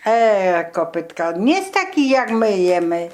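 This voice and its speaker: An older woman with a mid-pitched voice shares memories in relaxed everyday speech. She speaks slowly and explains things plainly, in a matter-of-fact, grandmotherly way. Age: 70s or older. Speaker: grandmother being interviewed. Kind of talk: casual reminiscing conversation.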